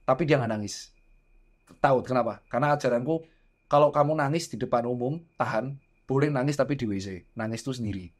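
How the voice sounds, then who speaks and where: Animated storytelling man, casual chat. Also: mid-range voice, a little fast. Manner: animated storytelling, acting out quoted dialogue. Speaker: guest doctor and father.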